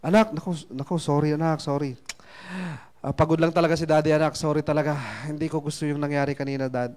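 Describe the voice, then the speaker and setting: Casting: a man playing an exhausted father, weary voice, quick to snap. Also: fairly high pitch, level tone, darkish tone, pitched below the performer's own voice, natural voice. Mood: apologetic. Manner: weary, then snapping. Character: tired stressed father, adult man.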